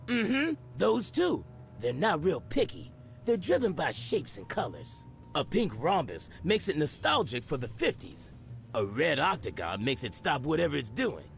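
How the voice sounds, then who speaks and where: An actor playing a paranoid, irritable store owner in a comedy video game, agitated and exasperated. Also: male voice, on the high side, huge pitch swings, measured pace, vocal fry, full character voice. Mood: explaining. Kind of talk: animated comedy adventure game dialogue. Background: music.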